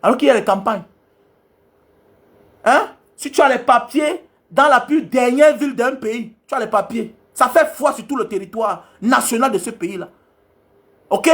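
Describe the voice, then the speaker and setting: A man's voice: extremely high pitch, fairly bright tone. A young man, delivering a heated, scolding monologue as a travel advisor. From Cameroon. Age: young adult. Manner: angry, scolding, repetitive rant.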